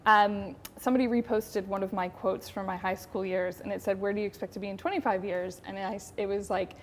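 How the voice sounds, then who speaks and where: A woman's voice: medium pitch, a little fast, slight background noise. A woman in her thirties with an American accent, chatting expressively as a guest in a TV studio interview. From United States. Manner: chatty, expressive, gestures while talking. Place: TV studio, indoors.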